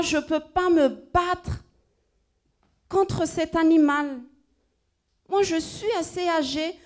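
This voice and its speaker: A woman's voice: fairly low pitch, dark tone, voice pushed down. A woman voicing a frightened old grandfather who prays aloud in a trembling, pleading way while telling a children's story.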